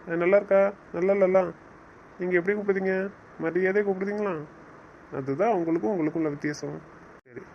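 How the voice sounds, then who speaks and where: Male actor as a young husband, high-pitched and teasing, stern when he scolds, romantic audio drama, lo-fi sound. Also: slight background noise, close to an everyday voice. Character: young husband, teasing yet bossy with his new wife.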